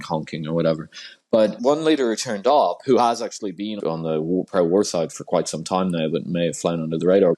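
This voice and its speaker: A man with a very deep voice talks politics with open mockery and a sardonic edge. He speaks loosely and casually, with small stumbles along the way. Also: a little mellow. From Ireland. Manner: sardonic, mocking. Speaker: podcast co-host.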